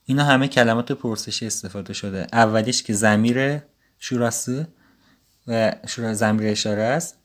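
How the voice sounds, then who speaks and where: A man giving a casual, patient language lesson, explaining grammar rules step by step. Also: medium pitch. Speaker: Turkish language teacher.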